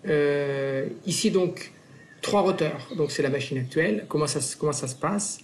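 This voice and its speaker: A man's voice: on the high side, normal speed, slight background noise. A man giving a screen-recorded math lesson, counting steps aloud with many fillers and self-corrections. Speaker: math teacher.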